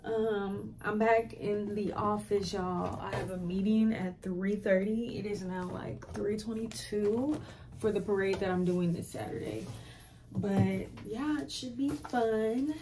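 A woman's voice: mid-range voice, a little slow. Chatty young woman vlogging, playful. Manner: chatty, playful, self-mocking. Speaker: vlogger and TV anchor. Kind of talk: casual vlog chat. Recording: noticeable background noise.

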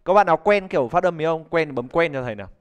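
A chatty young man teaches a live online pronunciation lesson. His voice sits a little high for a man, and he keeps calling on students and cracking jokes as he goes. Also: expressive, very fast, clean tone. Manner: chatty, joking, calls on students to respond. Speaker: English teacher.

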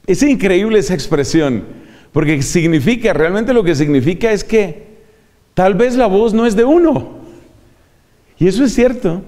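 Man, measured lecturer on preaching, fairly high voice, long hall echo. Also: animated, dark tone. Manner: measured, demonstrates vocal range. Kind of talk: homiletics lecture.

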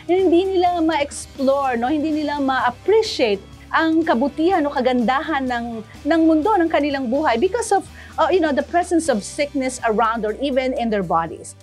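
High-voiced Filipino woman preaching. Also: lively intonation, moderate pace, darkish tone, soft background music. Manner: code-switches, many "you know" and "no?" tags. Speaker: pastor. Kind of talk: devotional sermon broadcast.

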